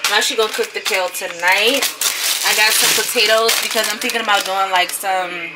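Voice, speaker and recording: Speaking a little fast with fairly even intonation, this medium-pitched woman chats casually to her camera. The lifestyle vlogger addresses viewers as y'all throughout, over noisy outdoor audio.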